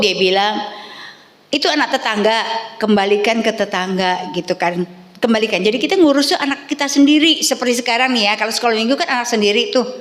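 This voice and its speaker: A middle-aged woman pastor preaching a sermon in a church, telling her story with lively questions to the congregation. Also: on the high side. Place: church hall. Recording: echoey hall with long reverb.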